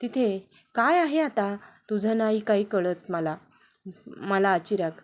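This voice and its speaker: A woman's voice: mid-range voice, animated, slow pace. A woman doing a bashful, easily vexed young wife. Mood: annoyed. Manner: scolding, bashful.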